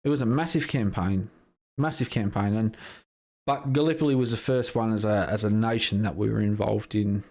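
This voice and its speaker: A man's voice: on the low side, fairly even intonation, moderate pace, a little mellow. A man with an Australian accent co-hosting a casual chat between mates, laid-back and sweary, often repeating his words. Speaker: podcast co-host.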